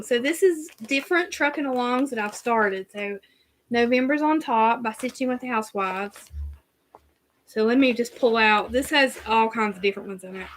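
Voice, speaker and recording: Bright, chatty Southern woman. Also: on the high side, a little hiss or hum. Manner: chatty, rambling, reads out viewer comments. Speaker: cross-stitch channel host. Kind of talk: casual live-stream chat.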